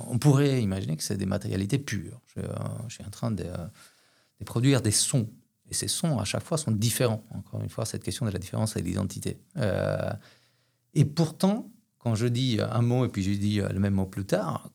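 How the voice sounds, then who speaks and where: A man with an Argentine Spanish accent, speaking French as a second language, explains philosophical ideas in an interview, often pausing and restarting. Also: fairly low pitch, vocal fry, warm tone. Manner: hesitant, many restarts and fillers. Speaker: philosophy guest. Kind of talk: academic interview.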